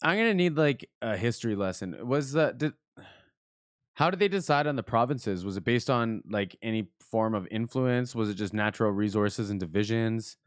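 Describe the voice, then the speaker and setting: A man's voice: lowish voice, lively intonation, normal speed, dry recording, studio quality. A man live streaming in a casual, informal way, thinking aloud as he reacts to a video.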